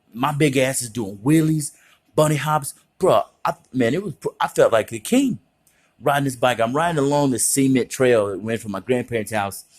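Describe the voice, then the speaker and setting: A man casually telling profane, animated stories, often jumping into other voices. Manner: animated, profane, acts out voices with big pitch jumps. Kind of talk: casual storytelling.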